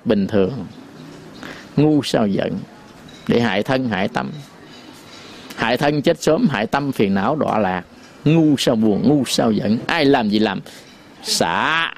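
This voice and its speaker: A man giving a Buddhist sermon, folksy and repetitive, sometimes chanting verse lines slowly. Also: medium pitch, slight background noise. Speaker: Buddhist teacher.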